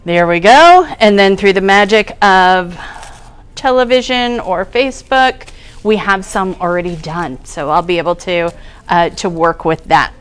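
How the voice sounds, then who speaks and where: Female cooking teacher, middle pitch, clean resonant tone, relaxed and talkative. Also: measured pace, clean tone. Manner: chatty, explains each step while working. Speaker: cooking class instructor. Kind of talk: casual cooking demonstration. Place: kitchen classroom.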